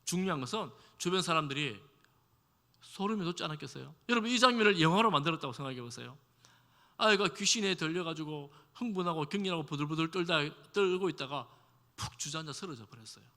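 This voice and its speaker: A man's voice: a little high, expressive, quick pace, sharp tone. A male pastor giving a conversational sermon in a church, asking the congregation questions and acting out quoted speech. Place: church sanctuary. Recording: long hall reverb.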